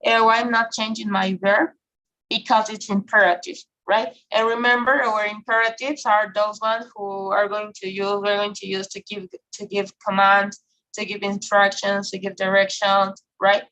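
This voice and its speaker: A woman's voice: mid-range voice, little pitch movement, normal speed, sharp tone, muffled recording. A woman teaching an English grammar class online, often checking in with "okay?" and "right?". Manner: frequent checking questions, filler okay and right.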